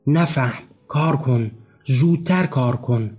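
A man's voice: medium pitch, darkish tone, slightly rough, soft background music, lightly acted. A man voicing a bitter young male laborer, barking harsh commands and insults.

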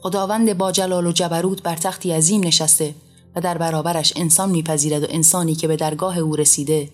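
Woman narrator with a low voice, solemn measured reading, faint music under it. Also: steady tone, darkish tone. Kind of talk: dramatic story reading.

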